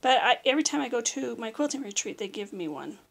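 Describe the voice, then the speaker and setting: Middle-aged American woman, slightly high pitch, hoarse and raspy with whispery breaks; casual, self-correcting home vlogger. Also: big pitch swings, quick pace, a bit bright. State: hoarse, losing her voice. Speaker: vlog host. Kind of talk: casual chatty craft room tour. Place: small room at home, indoors.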